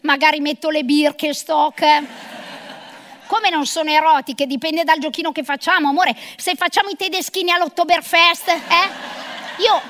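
Brisk sarcastic woman, very high voice. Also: fairly even intonation, sharp tone, a little hiss or hum. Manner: brisk, sarcastic, bossy career-mother on the phone. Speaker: comic performer. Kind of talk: comic monologue of phone calls.

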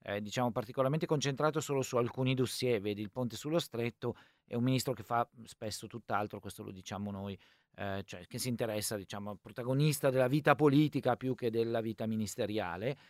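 A man's voice: mid-range voice, a little fast, darkish tone, dry recording. Pressing male interviewer, dry sound. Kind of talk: probing interview questions.

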